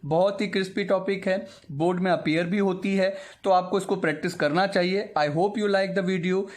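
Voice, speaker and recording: High-voiced male teacher explaining patiently. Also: fairly even intonation, moderate pace. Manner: patient, repeats words aloud to model sounds; mixes English phrases into Hindi explanation. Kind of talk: grammar lesson explaining to students.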